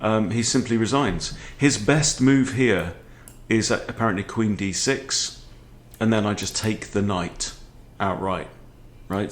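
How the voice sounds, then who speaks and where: A man in his forties giving casual chess game commentary in a conversational way, often checking in with short questions. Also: lowish voice. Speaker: chess video host. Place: book-lined room at home, indoors.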